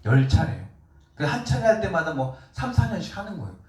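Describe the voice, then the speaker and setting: Korean pastor preaching in an echoey church. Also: male voice, high voice, a little fast. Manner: colloquial and animated, acts out quotes with laughs. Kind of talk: sermon. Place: church sanctuary. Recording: echoey room, voice from far off mic.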